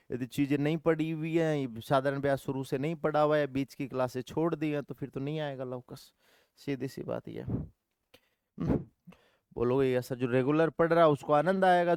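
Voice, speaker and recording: A man's voice: on the high side, darkish tone, clear, resonant tone, dry recording, studio quality. A male maths teacher running an online coaching class, repeating each step and answering his own questions, calling students "dear brother".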